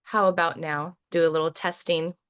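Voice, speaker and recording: A woman's voice: sits low, level tone, moderate pace, fairly bright tone, smooth, no room sound, clean studio sound. A woman instructor on a video call whose audio cuts out with uneven volume, friendly and reassuring with many fillers, getting over being sick. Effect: choppy audio with uneven volume, cutting out. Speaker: college instructor. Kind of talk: live online class welcome, casual. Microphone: computer mic on a video call.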